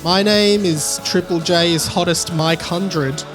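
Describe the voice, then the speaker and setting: An Australian man hosts a solo podcast over music, rambling casually, often cutting himself off and wandering into tangents. His voice is high, with a steady tone and a slow pace.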